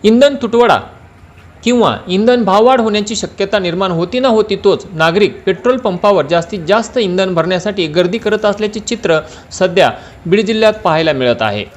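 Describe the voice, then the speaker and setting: A man's voice: high voice, animated, brisk. Man reading a formal news report. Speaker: field reporter.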